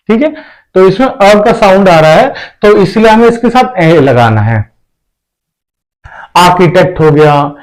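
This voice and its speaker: A man's voice: fairly high pitch, low-quality recording. A man teaching a grammar lesson, explaining step by step and often repeating himself to check that listeners follow. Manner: repetitive, explains each point step by step. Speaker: English teacher. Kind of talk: classroom-style grammar lesson.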